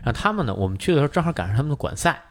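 A man's voice: mid-range voice, very animated, rapid-fire. A man co-hosting a podcast, explaining things at length in casual chat, with many fillers. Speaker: podcast co-host.

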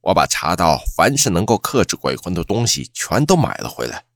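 A man's voice: low-pitched, big pitch swings, brisk, gravelly, no room sound, studio quality. A man narrating a first-person campus ghost story in a suspenseful, dramatic way.

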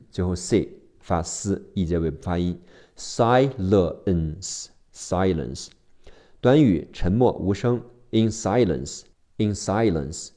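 A man teaching English vocabulary, spelling each word out letter by letter and repeating the sounds slowly. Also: low voice, mellow. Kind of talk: spelling and phonics vocabulary lesson.

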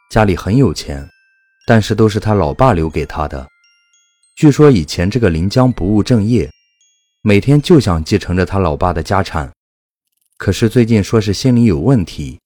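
A man narrating a first-person ghost story in a measured, calm storytelling manner. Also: on the low side, no room sound.

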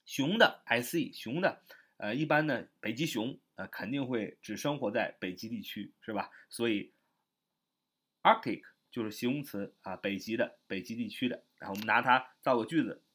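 A man teaching English vocabulary in Chinese who spells each word letter by letter, repeats it slowly and ends many phrases with a drawn-out "ah". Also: medium pitch, fairly bright tone, breathy edge. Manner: adds the filler "啊" to the ends of phrases. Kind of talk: spoken vocabulary lesson.

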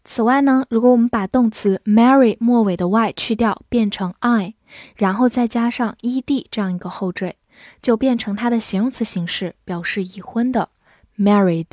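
A woman teaching English vocabulary, who spells out words letter by letter and reads example sentences slowly. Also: fairly high pitch, darkish tone, no room sound, studio quality. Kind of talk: vocabulary lesson.

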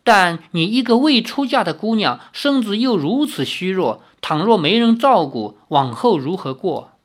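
A reader voicing an elderly male healer who speaks in a formal, measured, old-fashioned way. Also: medium pitch, sing-song, pitched above the performer's own voice. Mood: earnest. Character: elderly male village healer, courteous and grave.

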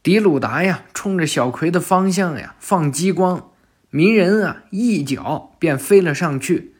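A man's voice: high-pitched, lively intonation, a little slow, breathy edge. A man casually retelling an anime episode, stretching his phrases with chatty storytelling particles.

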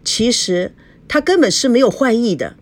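A woman's voice: a little high, animated, normal speed, darkish tone, voice pushed up, natural voice. A woman reading as a wronged, defensive young bride. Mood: aggrieved. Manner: aggrieved, defensive.

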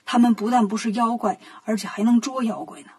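A woman voicing a timid, tearful male monk master in a children's story, speaking softly and fretfully. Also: fairly high pitch, steady tone, brisk, breathy edge. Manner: soft, fretful, gentle.

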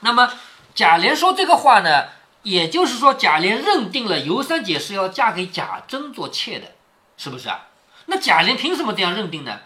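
A man's voice: high voice, huge pitch swings, normal speed, pushed and bright. A man reading a classic novel aloud to his daughter, stopping often to explain it in a chatty way with frequent tag questions.

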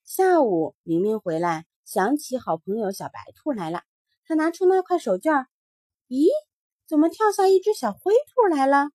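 A woman's voice: high-pitched, no echo, studio quality. Sing-song woman storyteller. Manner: slow, expressive, sing-song. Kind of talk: children's story narration.

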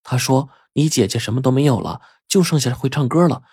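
A man's voice: medium pitch, a little fast, darkish tone, breathy edge, no echo, clean studio sound, pitched above the performer's own voice. A man voicing an anxious young woman, the younger sister, pleading.

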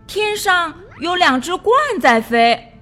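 A woman's voice: high-pitched, sing-song, slow pace, sharp tone, soft background music, voice pushed up, exaggerated voice. A woman voicing a skeptical, sensible male frog in a children's storybook, speaking bluntly. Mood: curious. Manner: doubtful, blunt.

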